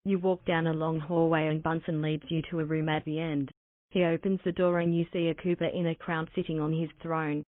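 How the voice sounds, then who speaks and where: Robot-ish tts lady narrator, dead flat, sounds like it's coming through a phone. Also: medium pitch, brisk, dry recording. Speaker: narrator of the game's generated story. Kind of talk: text-to-speech story narration. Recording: thin, phone-like dry synthetic audio.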